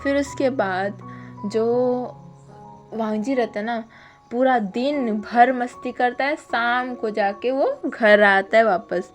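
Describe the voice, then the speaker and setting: A woman's voice: on the high side, takes it slowly, faint music behind. A woman retelling a fan fiction story in a casual, chatty way, full of spoken fillers. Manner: chatty, filler-heavy narration.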